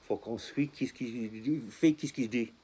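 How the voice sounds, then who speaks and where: A man with a warm, medium-pitched voice and a breathy edge talks at a moderate pace in a casual French vlog. His accent marks him as a non-native speaker, and he speaks with passion, repeating himself and borrowing English words.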